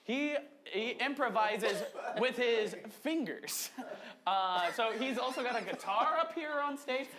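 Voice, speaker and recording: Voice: medium pitch, a little slow. The host of a live improv comedy show, hyping up the crowd and bantering from the stage, often raising the voice to rally them. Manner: animated, often shouting to rally the audience. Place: on a stage before an audience.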